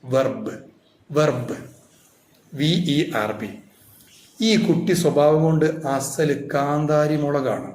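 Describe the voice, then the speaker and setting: A man's voice: a little high, darkish tone. A man teaching a spoken English class, telling a story playfully and asking his students rhetorical questions. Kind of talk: storytelling grammar lesson. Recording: echoey room with faint noise.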